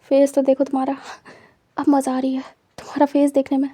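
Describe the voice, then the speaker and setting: A woman voicing a menacing, possessive young man who gloats and threatens in a quiet, low voice for a storybook reading. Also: completely flat delivery, fairly quick, no room sound, close to an everyday voice.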